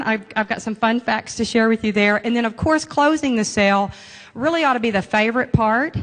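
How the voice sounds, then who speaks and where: A woman sales trainer giving a live conference talk, chatty and lively, laughing often and playing to the audience. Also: fairly high pitch, in a large hall. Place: conference room.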